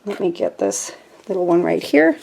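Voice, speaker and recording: A woman hosting a casual craft tutorial from her home craft room, chatting to viewers and getting excited as she works. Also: on the low side, normal speed, creaky, husky. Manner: chatty and easily excited, talks to viewers while working. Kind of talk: casual step-by-step craft demonstration.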